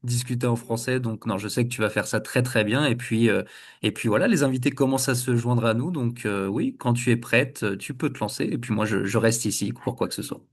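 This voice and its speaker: A man's voice: medium pitch, brisk, breathy edge. A man hosting a weekly online call, introducing a guest with many fillers and restarts. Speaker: webinar host. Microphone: video call.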